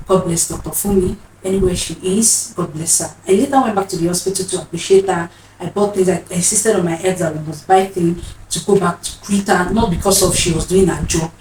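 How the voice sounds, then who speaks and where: Faint noise and a distant, roomy mic frame a woman vlogger in her 30s recounting a personal story. Her voice is fairly low and a little mellow, and she speaks earnestly and emotionally, often saying phrases again.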